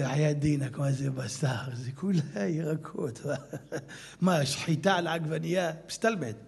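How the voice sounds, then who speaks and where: Fiery high-voiced rabbi preaching in a hall. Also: male voice, creaky, husky. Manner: impassioned, swings from low mutters to shouting; mixes Talmudic Aramaic and street slang. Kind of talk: fiery sermon to a hall audience. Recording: long hall reverb.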